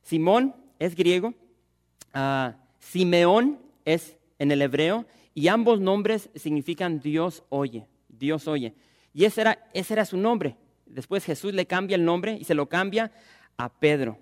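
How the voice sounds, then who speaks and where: Male pastor mid-sermon, emphatic and dynamic, a somewhat high voice. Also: expressive, takes it slowly, long reverb tail. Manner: emphatic preaching, swinging from loud to hushed.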